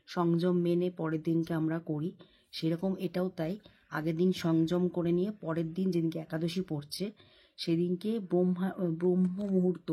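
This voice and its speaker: A woman's voice: on the low side, warm tone, slightly rough. A young woman vlogging casually from her bedroom at night, rambling and explaining at length. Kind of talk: casual chat to camera. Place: home bedroom, lying under a blanket.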